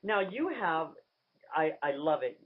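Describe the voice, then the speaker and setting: A man's voice: a little high, unhurried. A man hosting a radio interview over the phone, gushing, flamboyant and enthusiastic. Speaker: radio host and drag queen. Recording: tinny phone line.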